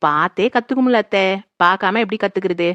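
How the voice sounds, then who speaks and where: A woman voicing a sassy young daughter-in-law who talks back fast and never stops for long. Her voice sits at an everyday middle pitch, recorded close and dry. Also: fairly bright tone, no room sound, lo-fi sound, close to an everyday voice. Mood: defiant. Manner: quick, sassy back-talk. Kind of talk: comedy skit acting.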